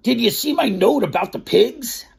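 A woman's voice: a little high, animated, moderate pace, vocal fry, a little mellow, husky, pitched above the performer's own voice, heavily acted. A woman reading as an anxious farmer on the phone. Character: worried farmer man away from home.

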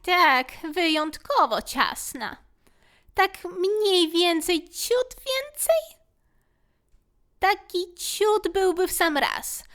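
A woman's voice: very high voice, lively intonation, very slow, fairly bright tone, voice pushed up, heavily acted. A woman voicing a tiny, timid and polite pale-purple fear creature, meek and whimpering. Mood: whiny.

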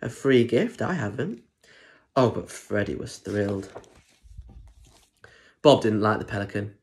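A young adult man with a British accent, who reads stories for primary school children, speaks in an unhurried voice on the low side. He reads a picture book with expression and turns to listeners with chatty asides. The recording was made in a small room at home with a phone or tablet at arm's length.

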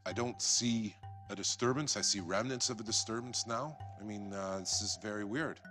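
An actor playing a male police officer at a small diner, talking steadily and then shouting in alarm. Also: fairly low pitch, normal speed, faint music behind. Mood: calm.

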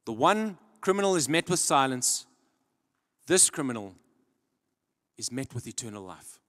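A man's voice: mid-range voice, sing-song, measured pace, fairly bright tone. A man preaching a sermon, telling the story and asking rhetorical questions. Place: church auditorium. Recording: long reverb of a large church hall.

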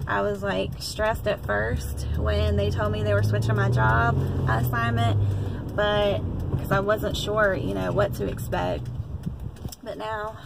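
Young woman vlogging from her car, gravelly, rambling, heavy road noise. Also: medium pitch, a little slow. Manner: chatty, rambling, upbeat, many fillers. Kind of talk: casual chat to camera.

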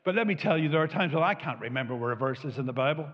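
Animated preacher in an echoing hall. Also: male voice, fairly high pitch, racing. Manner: animated, gesturing widely, rising to emphatic peaks and dropping to quiet asides. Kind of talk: sermon. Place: church hall with a lit tree behind a lectern. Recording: muffled, with long hall reverb.

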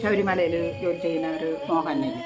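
An older woman from Kerala, a resident of an old age home, chatting softly and rambling. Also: on the low side, fairly quick, music in the background. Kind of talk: casual chat. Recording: crowd chatter behind.

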